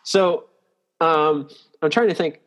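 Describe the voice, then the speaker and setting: Talking slowly in a fairly high, slightly bright voice, a man loosely recounts a road trip story from years back. His telling wanders, leans heavily on "like," and he often stops to fix what he's just said.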